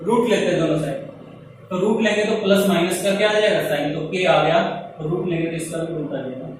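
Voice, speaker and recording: A man's voice: sits high, fairly quick. A man teaches maths, walking through each step and asking his students questions as he works. He sounds far from the mic, in a very echoey room with faint noise behind him. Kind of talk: classroom maths lesson.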